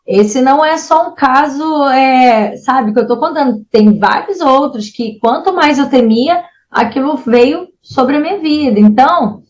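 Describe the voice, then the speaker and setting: A woman psychologist answering interview questions in a measured, advising way, often checking that the listener follows. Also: sits high, expressive, darkish tone, rough recording. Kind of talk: explanatory interview talk.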